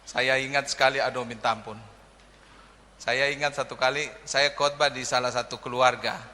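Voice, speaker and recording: A man's voice: mid-range voice, steady tone, moderate pace, pushed and bright. A man, a pastor, preaching a humorous sermon, telling jokes and stories and acting out the people in them. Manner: joking, storytelling, acts out characters in quotes. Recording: long reverb of a hall.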